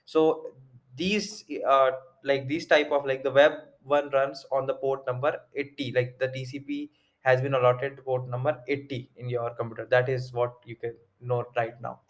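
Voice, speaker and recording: A young man with a North Indian accent giving an informal tech tutorial, haltingly thinking aloud as he works through the steps. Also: medium pitch, level tone. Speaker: tutorial presenter. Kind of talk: informal screen-recorded tech walkthrough.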